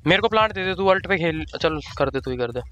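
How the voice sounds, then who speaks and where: A man streaming a team shooter speaks in rapid bursts, directing his squad. His voice sits a little high and turns pleading when teammates ignore him. He sounds like he is on a headset. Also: animated, a bit bright, a little hiss or hum. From India. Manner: urgent, bossy, pleading with teammates. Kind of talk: casual team callouts while gaming.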